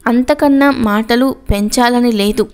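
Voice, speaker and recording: Female story narrator, calm and even, bright clear voice, slightly high. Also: a little slow. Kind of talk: storybook reading.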